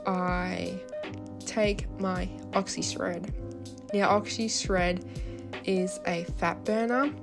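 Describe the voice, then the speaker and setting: A young woman with a lisp and slushy s sounds, narrating her daily routine in a chatty, informal vlog voice-over. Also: fairly low pitch. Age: young adult. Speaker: vlogger. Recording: background music. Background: music.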